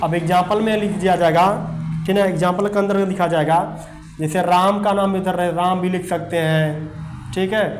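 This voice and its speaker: A man's voice: sits high, steady tone, moderate pace. A male teacher gives a whiteboard grammar lesson, spelling words letter by letter and checking in with the class over and over. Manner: spells words letter by letter, repeats "देखिए" and "ठीक ना". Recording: echoey room with faint background noise.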